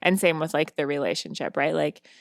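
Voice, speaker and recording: A woman's voice: sits low, fairly even intonation, brisk, creaky, no room sound, studio quality. A woman co-hosting a podcast, talking in a casual, chatty way with lots of "like"s and easy laughter. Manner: chatty, many "like"s and frequent laughs. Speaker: podcast co-host.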